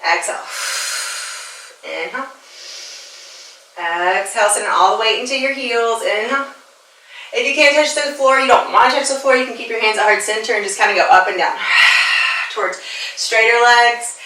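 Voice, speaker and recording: Bright, bubbly woman teaching yoga. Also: fairly high pitch, normal speed, long pauses. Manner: upbeat and playful, laughs often, counts breaths. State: slightly out of breath from exercising. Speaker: yoga instructor and personal trainer. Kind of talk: guided yoga class instruction. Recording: echoey room, voice a bit far from the mic.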